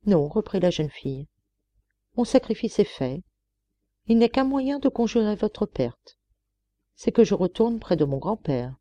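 Woman voicing an earnest young woman in a storybook, self-sacrificing, pleading, mellow warm tone, close dry sound. She speaks with quiet resolve. The voice stays soft and dark. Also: mid-range voice, very animated, measured pace, pauses often, no room sound, muffled recording. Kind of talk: audiobook character reading.

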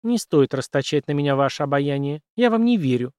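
A man voicing a quick-tempered young woman who speaks bluntly and challenges others. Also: a little high, expressive, a little mellow, clean tone, no room sound, studio quality, natural voice. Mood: challenging.

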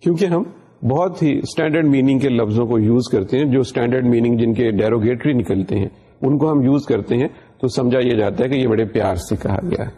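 A man's voice: medium pitch, mellow, slightly rough. A middle-aged man from Pakistan giving a university lecture, explaining patiently and slipping English phrases into his talk. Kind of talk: recorded lecture.

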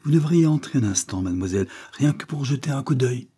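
A man's voice: medium pitch, lively intonation, fast talker, warm tone, slightly rough, voice pushed up. A man doing an eager lovestruck little grocer. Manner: eager, effusive.

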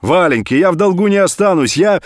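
Man as frantic father, loud pleading, raised pitch, very lively intonation, dry sound. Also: a little fast, no room sound. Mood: pleading loudly. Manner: pleading, shouting down a phone line. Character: anxious desperate middle-aged father.

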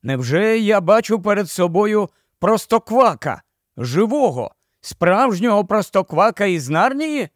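A man playing a proud young prince just freed from a spell, stately and declamatory. The pitch rides high and lively, and the reading is close and dry. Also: unhurried, no echo. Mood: commanding.

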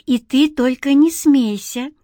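A woman's voice: fairly high pitch, lively intonation, unhurried, dry recording, clean studio sound. A woman voicing a playful, affectionate young woman in an audiobook. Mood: earnest. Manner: teasing, coaxing. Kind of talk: audiobook character voice.

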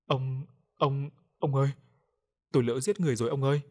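A man's voice: medium pitch, fairly even intonation, fairly quick, darkish tone, pitched above the performer's own voice, close to an everyday voice. A man voicing a terrified middle-aged village wife, crying and stammering as she pleads with her husband. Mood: terrified pleading.

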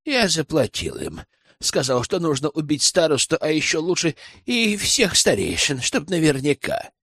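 A bitter, scheming village outcast, as a man reads him, sullen and full of self-pity. His lines swing up and down in pitch through a dry, close audiobook reading. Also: wildly swooping pitch, moderate pace, creaky, fairly bright tone, breathy edge, no room sound, exaggerated voice. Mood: spiteful. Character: resentful scheming male village outsider.

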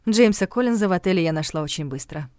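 A young woman narrating a first-person novel in a lively, wry storytelling manner, close to the mic. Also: fairly low pitch, fast, no room sound. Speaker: audiobook narrator.

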